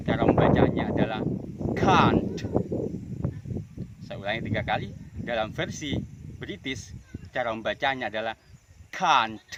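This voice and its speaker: A man teaching English pronunciation, slowly repeating example sentences in drills. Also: medium pitch, dull audio, heavy background noise. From Indonesia. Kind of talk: pronunciation lesson.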